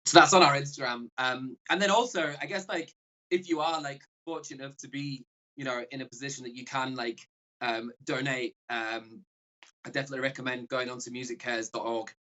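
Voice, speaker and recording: A man from the UK in a band, halting and shy in casual interview chat. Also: mid-range voice, fairly even intonation, bright, forceful tone, muffled recording. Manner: halting, lots of fillers, shy. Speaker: band member guest.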